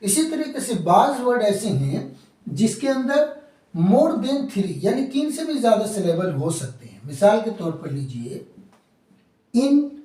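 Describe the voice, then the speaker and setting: A man's voice: high voice, sing-song, measured pace, dark tone. A man with an Urdu accent teaching English grammar in a lecture, spelling words letter by letter and asking and answering his own questions. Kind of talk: classroom lecture. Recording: echoey room, mic at a distance.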